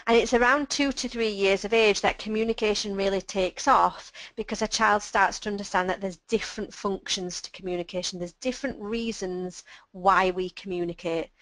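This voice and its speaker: A woman presenting a webinar on child speech and language, explaining patiently and clearly with simple examples. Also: mid-range voice, fairly even intonation, moderate pace, few pauses, a bit bright, no room sound, low-quality recording.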